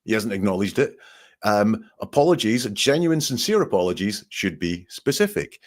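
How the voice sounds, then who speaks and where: Guy with a lowish voice breaking down quotes on a live show, explainer vibe. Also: very animated, moderate pace. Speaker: statement analysis expert. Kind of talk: live analysis chat.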